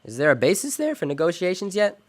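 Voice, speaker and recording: A man's voice: high-pitched, big pitch swings, quick pace. Man acting a sardonic hardboiled private eye. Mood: sardonic, businesslike. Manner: sardonic, slangy. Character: wisecracking, cool hardboiled male private detective. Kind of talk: radio noir drama acting with narration.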